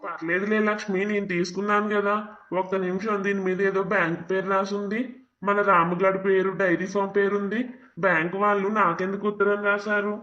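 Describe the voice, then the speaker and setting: A man's voice: high-pitched, flat delivery, brisk, sharp tone, dull audio. A man voicing a worried, proud elderly village father in a cartoon family drama, speaking sternly with authority. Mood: puzzled.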